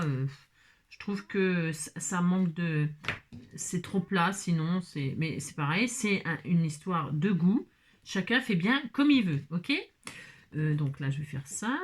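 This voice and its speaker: An older woman chats her way through a craft tutorial in an easygoing, rambling manner. She stops to correct herself, hunts for words and breaks into small laughs. Her voice sits at a middling pitch for a woman. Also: a bit bright, a little hiss or hum. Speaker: craft video host.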